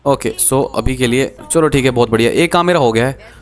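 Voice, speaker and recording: Chatty, excitable male gamer. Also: mid-range voice, fairly quick. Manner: chatty and excitable, talking to viewers. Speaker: gaming streamer. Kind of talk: casual gameplay commentary.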